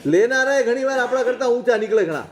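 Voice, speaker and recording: A man preaches a sermon in a notably high voice, working through anecdotes and pointed rhetorical questions. His voice rings with the echo of a reverberant room. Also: animated, fast talker. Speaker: Jain monk preacher. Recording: roomy echoing recording.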